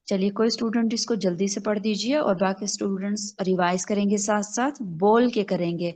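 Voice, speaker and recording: A woman's voice: mid-range voice, steady tone, darkish tone. A woman teaching an online class over a video call, patiently correcting her students step by step. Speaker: Quran recitation teacher.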